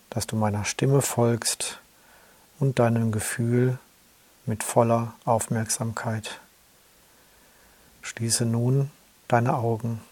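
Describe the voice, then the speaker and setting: A man leads a guided yoga nidra relaxation. His pace is very slow, with long pauses, and his voice stays calm and soothing at a middle pitch. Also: breathy edge.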